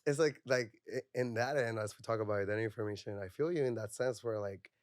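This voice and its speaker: This podcast guest is a young Puerto Rican counselor who speaks in a soft, reflective, candid way, sprinkling "like" and "you know" throughout. He talks quickly with a fairly low pitch. The audio is clean studio sound without any room noise.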